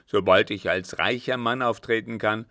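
A man's voice: on the low side, normal speed, sharp tone, no echo, studio quality. A man voicing a selfish, scheming old man who mocks and bargains in a sardonic, calculating way.

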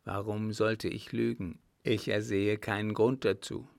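Man doing unflappable ex-soldier servant, calm, mocking, slow, gravelly, audiobook character. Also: fairly low pitch, no room sound, studio quality. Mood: cool mocking. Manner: calm, composed, faintly mocking.

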